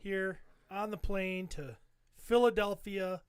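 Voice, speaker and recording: A man's voice: sits high, steady tone, takes it slowly, clean tone, no echo. A man co-hosting a podcast, casually telling a rambling trip story over photos and cursing a lot. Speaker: podcast co-host.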